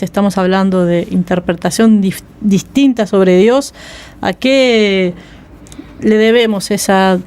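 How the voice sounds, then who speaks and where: A woman interviewer on the radio asking measured, thoughtful questions. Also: medium pitch, a little mellow, clean tone. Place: radio studio.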